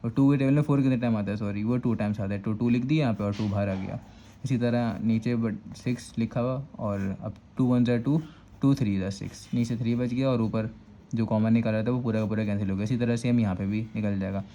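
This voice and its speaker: A man's voice: lowish voice, fairly even intonation, fairly quick, dark tone, slight background noise. A man with a Karachi Urdu accent teaching a step-by-step math lesson, patiently repeating "thik hai" to check that students follow. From Pakistan.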